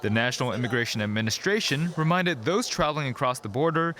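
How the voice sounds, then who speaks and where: A man reads a news report voice-over with a lively, rising and falling pitch. His delivery is formal and measured.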